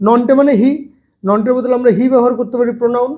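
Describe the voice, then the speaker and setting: A man teaching English grammar to children, slowly repeating phrases and spelling words out letter by letter. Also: extremely high pitch, level tone, warm tone. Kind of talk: bilingual grammar lesson.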